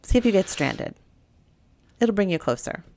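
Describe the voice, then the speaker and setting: A woman's voice: mid-range voice, very animated, normal speed, gravelly, darkish tone. A woman co-hosting a casual home podcast with her partner, teasing him and summing up like a counselor. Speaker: podcast co-host, therapist. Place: home room with sleeping dogs.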